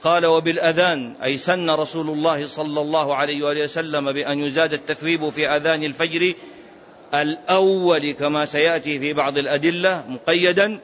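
High-voiced man preaching emphatically. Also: fairly even intonation, fast talker, a bit bright, highs cut off, slight background noise. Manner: emphatic, rhetorical, sometimes chants phrases. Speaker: Islamic preacher. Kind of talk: religious lesson.

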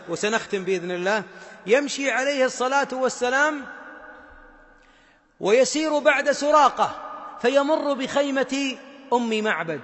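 A male preacher with a Gulf Arabic accent delivers an impassioned sermon in a strikingly high voice. He pulls the listeners in with rhetorical questions. His voice carries a long, echoing reverb from a large hall. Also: fairly bright tone.

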